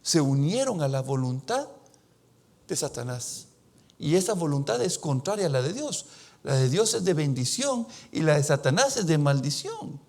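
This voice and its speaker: A man preaching a sermon in a church, slowing his words for emphasis and swinging between loud and soft delivery. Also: fairly high pitch, sing-song. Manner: preaching with dramatic shifts in loudness; slows down for emphasis. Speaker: pastor.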